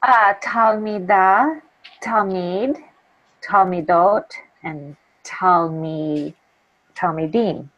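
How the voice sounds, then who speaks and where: A woman's voice: on the low side, extremely slow, highs cut off. A woman student in an online Hebrew class, hesitant, sounding out words and asking questions. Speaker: adult student. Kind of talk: language class practice.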